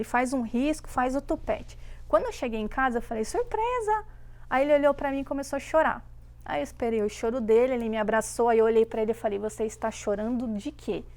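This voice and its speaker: A woman with a fairly high voice and a gravelly, creaky edge. She talks in relaxed conversation and acts out what others said. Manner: animated storytelling with voiced quotes. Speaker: guest mother. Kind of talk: casual chat.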